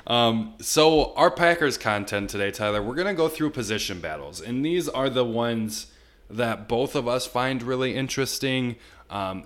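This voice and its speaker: A man's voice: on the low side, fairly bright tone. A man hosting a casual sports podcast. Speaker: podcast host.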